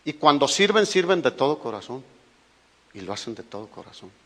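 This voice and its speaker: A man's voice: mid-range voice, sing-song, a little fast, a bit bright. A man with a Mexican Spanish accent preaching a sermon as a pastor, emphatic and full of rhetorical questions to his listeners. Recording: echoey hall recording.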